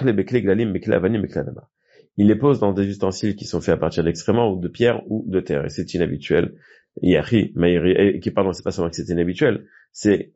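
A man's voice: sits low, warm tone. A man teaching a Talmud class who reads short phrases aloud and then explains them, with frequent restarts. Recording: dull lo-fi recording.

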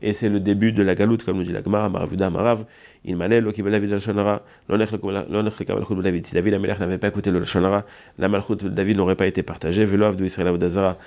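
A man's voice: deep voice, flat delivery, racing, darkish tone. A man giving a Talmud study lesson. He reads Hebrew and Aramaic passages, then explains them in French, hesitating often as he thinks. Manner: thinks aloud with frequent hesitations. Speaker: Talmud teacher.

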